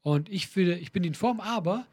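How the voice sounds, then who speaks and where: A man's voice: sits high, fairly quick, husky. A man chatting casually on a podcast, telling a story with laughs and acted-out quotes. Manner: animated storyteller, laughs often, acts out quotes. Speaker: podcast co-host. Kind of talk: casual chat.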